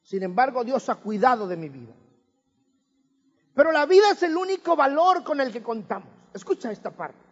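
High-voiced animated male preacher. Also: normal speed. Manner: emphatic preaching with rhetorical questions and humor. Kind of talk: sermon. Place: church hall. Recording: reverberant hall, dull lo-fi sound.

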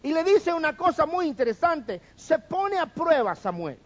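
A man's voice: very high voice, big pitch swings, moderate pace, muffled recording. A man preaching a sermon, firing rhetorical questions at the congregation and having them repeat after him.

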